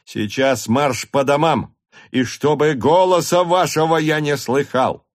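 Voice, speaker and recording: Brief: man voicing an enraged young hussar officer, commanding, barks out high, slow, drawn-out orders, audiobook. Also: close to an everyday voice. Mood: furious shouting. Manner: shouting, commanding.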